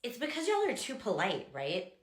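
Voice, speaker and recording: This American language teacher has a slightly high voice with huge pitch swings, speaking at normal speed in a roomy-sounding space. She's chatty, explaining things casually in a talking-head style and exaggerating sounds to demonstrate them.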